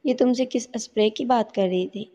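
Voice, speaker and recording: A woman's voice: on the high side, warm tone. A woman voicing a young man, a stern older brother who speaks in a scolding tone. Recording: dull lo-fi audio with long reverb.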